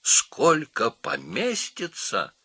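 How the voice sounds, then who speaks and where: A man voicing an excitable little female monkey in a storybook reading, with squealing, shrill exclamations. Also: very slow, vocal fry, husky, no room sound, clean studio sound, heavily acted. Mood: excited.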